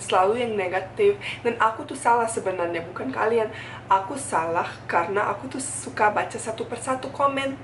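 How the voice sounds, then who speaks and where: A foreign woman from Bosnia, speaking colloquial Indonesian as an in a candid, earnest, emphatic talk to camera, often repeating phrases. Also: medium pitch. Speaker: food YouTuber. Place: indoors at home. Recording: echoey room, distant mic, faint noise.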